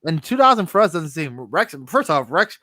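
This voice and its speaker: A young man hosting a casual chat over a video call, excitable and chatty, drifting off mid-sentence as he hunts for things. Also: a little high, moderate pace, dry recording, clean studio sound. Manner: excitable, chatty, trails off while rummaging.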